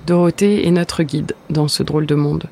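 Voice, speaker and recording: A man narrating a documentary report in a clear, measured voice. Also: fairly high pitch, fairly even intonation, warm tone, slight background noise. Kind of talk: scripted narration.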